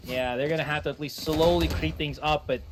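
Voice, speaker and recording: A man's voice: a little high, steady tone, fairly quick, a little hiss or hum. A man giving analytical esports color commentary in a chatty, playful way. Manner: chatty, playful, acts out quotes.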